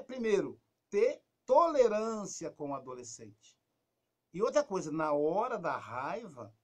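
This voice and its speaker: Brazilian guy w a high voice chatting advice on a talk show, animated, acts out little scenes. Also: husky. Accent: Brazilian Portuguese. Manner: lively, acts out quoted lines, drops to a soft low voice.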